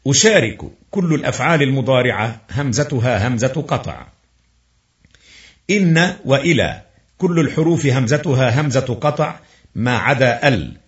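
A man's voice: medium pitch, lively intonation. Man reading a lesson aloud, in an echoey room. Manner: reads the text slowly and carefully, with filler pauses. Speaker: teacher. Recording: roomy, dull lo-fi recording.

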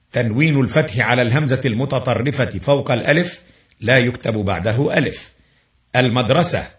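Male teacher, careful reader with pauses, roomy lo-fi recording. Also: medium pitch. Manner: reads the text slowly and carefully, with filler pauses. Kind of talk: reading a book aloud as a lesson.

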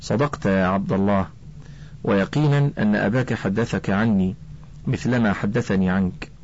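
A kindly, wise old botanist talks slowly and gently to a young pupil, as a male storybook narrator puts him on. His voice sits low and mellow. The recording sounds dull and lo-fi. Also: a little hiss or hum, close to an everyday voice.

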